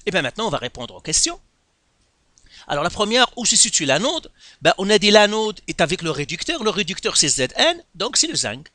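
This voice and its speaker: A man with a high, sing-song voice leads a Quebec French chemistry lesson, moving briskly through an exercise step by step. He asks himself many rhetorical questions, his tone bright and forceful, and the recording is dry.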